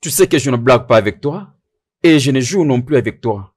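A man dubbing a French film, playing a doting husband who fusses over his wife and keeps apologizing and urging her to go slowly. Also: medium pitch, lively intonation, lightly acted. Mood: tender. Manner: fussing, repeating apologies and "slowly". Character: doting husband, fussy and attentive.

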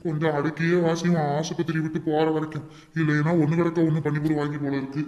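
A man's voice: a little high, level tone, quick pace, a little mellow, dull audio. A man playing a complaining, fearful patient in a comic skit. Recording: echoey room with long reverb.

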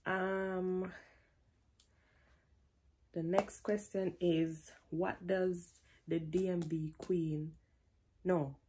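A woman in her twenties from Jamaica, her voice lowish with a slight hiss or hum, hosts a relaxed Q&A vlog from her bedroom. With a Jamaican accent, she's playful and keeps sliding into patois, captured by a nearby camera.

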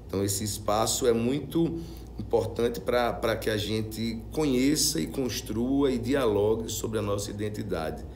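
Low-voiced Brazilian man giving testimonial. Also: measured pace, darkish tone, slight background noise. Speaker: film director. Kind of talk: interview testimonial.

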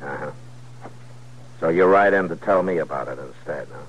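An actor playing a steady, skeptical American frontier marshal, terse and authoritative, in a 1950s radio western. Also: male voice, extremely low pitch, moderate pace, slightly rough, exaggerated voice. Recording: muffled, noisy 1950s radio recording.

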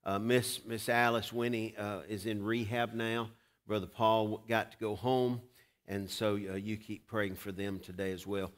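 A man with a Southern US accent, a preacher speaking informally and haltingly to his congregation in a folksy, exhorting manner. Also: on the low side, level tone. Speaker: pastor. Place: large church sanctuary, at the pulpit.

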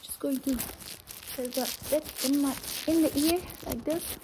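A young woman doing a fast ASMR role-play as an examining doctor, murmuring short, repeated phrases in a hurried way. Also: sits high, steady tone. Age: young adult. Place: indoors, small room at home. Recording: clearly noisy close recording with clicks.

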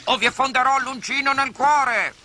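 Peter Pan, shrill and cocky. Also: male voice, expressive, normal speed, slight background noise, heavily acted. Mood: bossy. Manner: shrill, commanding shouts. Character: cocky boy imitating a pirate captain.

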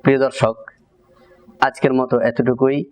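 A man teaching Quran recitation, giving a pronunciation lesson and drawing out syllables in slow repeated drills. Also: mid-range voice, level tone. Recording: slightly dull lo-fi recording.

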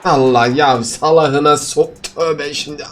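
A man's voice: a little high, fairly even intonation, slow, a bit bright, soft background music. A young man giving casual commentary on his own match, talking to viewers and swinging from frustrated mutters to outbursts. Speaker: gaming YouTuber. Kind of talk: casual live game commentary.

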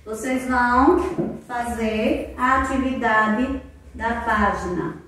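A woman teacher giving a slow, sing-song lesson to young children, drawing out each syllable. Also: fairly high pitch, fairly bright tone. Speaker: preschool teacher. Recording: very echoey room, distant mic, faint noise.

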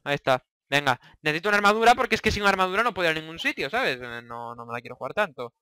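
A young man with a Spain Spanish accent giving live gameplay commentary, excitable and swearing a lot, with sudden yelled bursts. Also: a little high, rapid-fire, smooth, no echo, clean studio sound. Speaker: gaming YouTuber.

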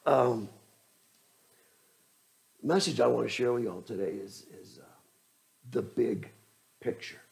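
A man in his sixties, a church elder, preaching a sermon in a small church at a lectern mic, halting and self-deprecating, trembling with nerves. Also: medium pitch, vocal fry, a little mellow. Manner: halting, self-deprecating, frequent restarts and fillers. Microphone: lectern microphone.

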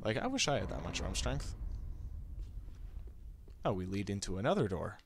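A man's voice: fairly low pitch, very animated, moderate pace, vocal fry, breathy edge. A man giving casual let's play commentary on a game, chatting to the enemies and to his viewers. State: hiccups. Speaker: gaming YouTuber.

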